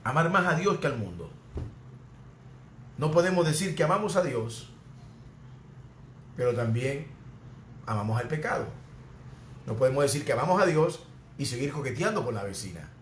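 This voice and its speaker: Venezuelan pastor preaching in echoey room. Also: male voice, mid-range voice, sing-song, normal speed, pauses often, slight background noise. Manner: repetitive preaching cadence, emphatic refrains. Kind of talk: sermon. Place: church sanctuary.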